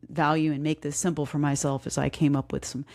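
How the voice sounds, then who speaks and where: Low-voiced grieving woman podcast host. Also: flat delivery, fairly quick, darkish tone. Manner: candid, emotional, many fillers and restarts. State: grieving, near tears. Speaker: podcast host and fitness coach. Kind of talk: casual heartfelt podcast talk.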